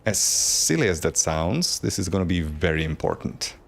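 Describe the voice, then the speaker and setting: A man's voice: low-pitched, sing-song, normal speed, creaky. A man streaming a game, reading lore aloud in a plain, unacted voice with casual asides.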